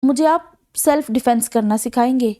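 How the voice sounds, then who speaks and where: A woman voicing a frightened young wife from a novel, quiet and guarded. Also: fairly high pitch, natural voice. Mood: quiet, tearful.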